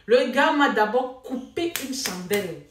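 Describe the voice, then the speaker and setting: A young woman tells her own story with lively, dramatic delivery and sudden exclamations. Her voice swings widely up and down and sits a little high. She is heard from a bit away from the mic in an echoey room. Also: unhurried, recorded from a distance, slight background noise. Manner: animated, dramatic, with bursts of exclamation and laughter. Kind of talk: casual personal storytelling.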